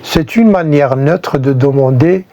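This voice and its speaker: A man teaching everyday French phrases in a scripted lesson, speaking clearly and deliberately. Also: on the high side, warm tone. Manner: clear, deliberate delivery with spoken example phrases. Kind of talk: slow scripted lesson narration.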